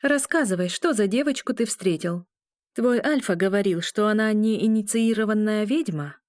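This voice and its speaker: A woman's voice: medium pitch, normal speed, darkish tone, dry recording, studio quality, voice pushed up, lightly acted. A woman voicing a flirtatious blonde witch who teases and gives orders. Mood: teasing. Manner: teasing, commanding.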